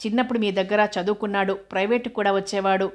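A woman reading the part of a caring, dutiful grown son in her own voice, gentle and coaxing. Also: mid-range voice, fairly even intonation, quick pace, natural voice. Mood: earnest.

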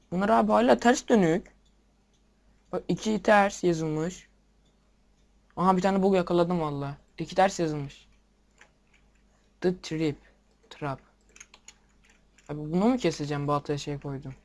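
A young man giving casual game commentary, excitable, swearing at the game and talking to his viewers. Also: sits high, normal speed, creaky, pauses often. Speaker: gameplay video maker. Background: keyboard and mouse clicks.

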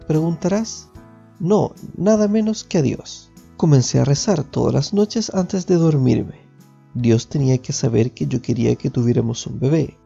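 Gravelly dark male storyteller. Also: on the high side. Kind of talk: storybook reading. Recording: dull lo-fi with faint music.

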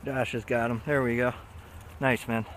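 Here a man fishing from shore on a riverbank vlogs his casual, excited chat, speaking in slangy exclamations to himself and a companion. His medium-pitched voice is a bit bright, with a flat delivery and moderate pace. The body-worn action camera captures clear outdoor background noise.

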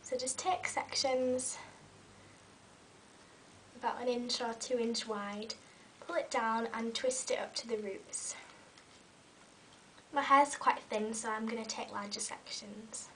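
A young woman beauty vlogger, sick with a cold, chats slowly as she curls her hair, with fairly even intonation, a somewhat bright tone, long pauses, and many ums. Her fairly high voice is slightly croaky. She's seated back from the webcam in a small fairy-lit bedroom, so she comes across a little distant with faint hiss.

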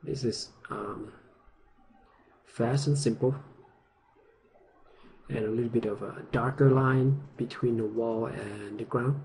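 Man, voice partly gone, casual painting tutorial, halting, lots of ums. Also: mid-range voice, creaky, a little hiss or hum. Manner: relaxed, halting, many ums and restarts. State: partly lost voice.

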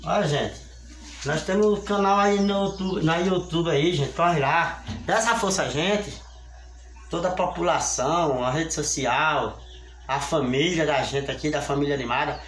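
A man's voice: on the high side, normal speed, a bit bright. An older Brazilian man, sick with fever, rambling and pleading with his viewers while he cleans up a small home kitchen, filmed on a phone camera set on the counter. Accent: Brazilian Portuguese. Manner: rambling, pleading, repeats himself. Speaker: family channel vlogger. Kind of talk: casual vlog appeal to viewers. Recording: echoey kitchen with faint ambience.

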